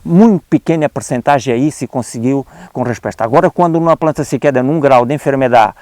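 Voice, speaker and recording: Hesitant Portuguese man, warm smooth voice. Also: medium pitch, brisk, no echo. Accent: European Portuguese. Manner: hesitant, frequent "eh" fillers and restarts, mixes in Spanish words. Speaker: guest expert on oak disease. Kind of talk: unscripted explanatory talk. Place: on a country estate, outdoors.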